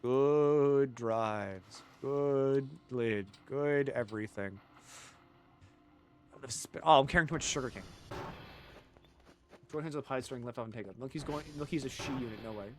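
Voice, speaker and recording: A man with a cold chatting casually while streaming a game, rambling and swearing, swinging from mumbled asides to loud jokey bits. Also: mid-range voice, a little slow, pauses often, a little hiss or hum. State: has a cold. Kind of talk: casual gaming stream chat.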